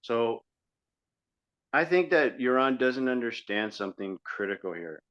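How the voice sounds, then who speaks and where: Expressive and a bit bright, this man's medium-pitched voice moves at a measured pace. He co-hosts a podcast, arguing critically about politics in a conversational manner, and the audio is dull lo-fi.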